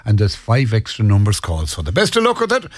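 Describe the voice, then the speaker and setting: A man with an Irish accent presenting radio announcements, reading in a slightly halting way. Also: lowish voice, huge pitch swings, noisy background.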